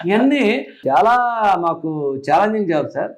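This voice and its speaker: A middle-aged man, a police officer, talking earnestly in an interview and rising high in pitch when he stresses a point. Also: very animated, moderate pace. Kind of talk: casual interview talk.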